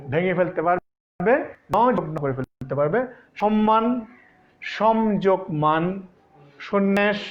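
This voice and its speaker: Man, teacher, high voice, slow repetitive classroom lesson, dull lo-fi sound. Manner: slow, repeating terms and stressing exam points. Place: classroom, moving about the board.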